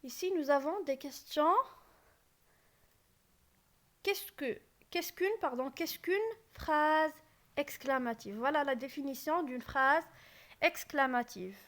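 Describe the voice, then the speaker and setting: A woman explaining French grammar in a slow classroom style, repeating key phrases and asking the class rhetorical questions. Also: high voice, fairly bright tone.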